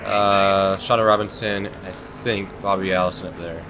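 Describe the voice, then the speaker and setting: A young man hosting a gaming channel, giving casual, chatty gameplay commentary that rambles with fillers and turns excitable. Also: low voice, moderate pace, background noise. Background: game music.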